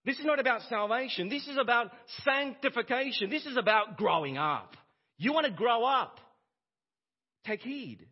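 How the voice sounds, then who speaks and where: A man preaching with a high, husky voice that rises and falls all over the place. He presses his points with rhetorical questions and repeats key lines for weight. The sound is muffled and lo-fi, like old church sermon audio. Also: expressive, moderate pace. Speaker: pastor.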